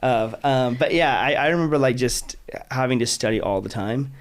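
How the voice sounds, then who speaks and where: A man's voice: medium pitch, moderate pace. Male podcast host from Utah, mid-range voice, chatty and enthusiastic, casual interview talk full of restarts. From Utah, United States.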